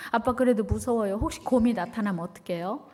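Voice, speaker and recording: A woman's voice: on the high side, fairly quick, a little mellow, lightly acted. A woman voicing a frail, fearful seven-year-old boy who pleads with his father. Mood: scared. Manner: pleading and scared. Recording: long hall reverb.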